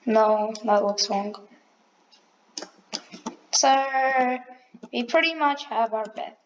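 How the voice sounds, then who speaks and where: A woman casually talking through a modeling tutorial, relaxed and chatty, correcting herself as she goes. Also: a little high, drawn-out words, highs cut off, slight background noise. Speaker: tutorial maker. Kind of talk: casual screen-recorded tutorial.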